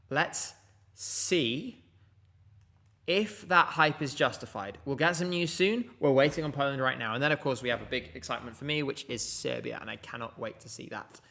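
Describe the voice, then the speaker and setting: A man's voice: mid-range voice, moderate pace, vocal fry, sharp tone. A man hosting a casual live stream from home, chatting, laughing often and reading out viewer messages. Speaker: livestream host.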